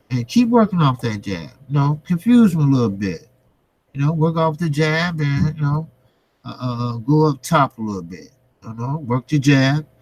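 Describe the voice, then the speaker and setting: Slow-talking man chatting about boxing. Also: lowish voice, darkish tone, breathy edge, rough recording. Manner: repetitive, emphatic phrasing with trailing pauses; informal, slangy, occasional swearing. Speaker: boxing vlogger, host. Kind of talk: casual boxing commentary to live chat viewers.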